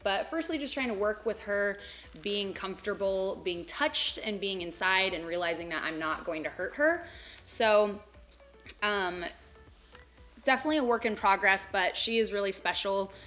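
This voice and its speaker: A woman's voice: mid-range voice, lively intonation, normal speed, a bit bright, soft background music. A young woman chatting casually in a home pet vlog, with lots of "um" and "like". She is a little out of breath from walking back and forth. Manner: chatty, filler-heavy with frequent "um" and "like". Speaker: pet vlogger. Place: home animal room.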